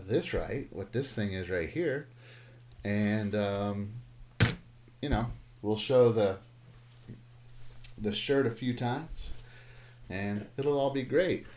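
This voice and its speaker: A middle-aged man, a math teacher, talking casually and playfully through a live-streamed lesson in a classroom, with lots of fillers and asides. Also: fairly low pitch. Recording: roomy live stream with faint noise.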